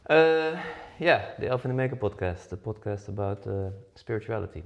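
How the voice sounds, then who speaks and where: This Dutch podcast co-host in his forties speaks in a lowish, creaky voice with lively intonation and a fairly quick pace. His casual chat is full of fillers and restarts.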